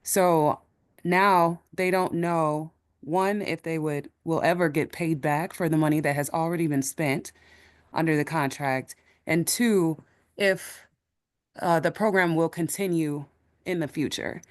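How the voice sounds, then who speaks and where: A woman's voice: low voice, measured pace. Breathless woman asking a question. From Chicago. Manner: earnest, explains at length with many ums. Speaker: audience member asking a question. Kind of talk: webinar question.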